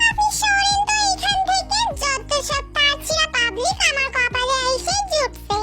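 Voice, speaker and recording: A voice actor playing a haughty, sharp-tongued young woman who snaps at people dismissively, in a cartoon. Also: very high-pitched, measured pace, loud music behind the voice. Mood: scornful. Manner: snappy, dismissive.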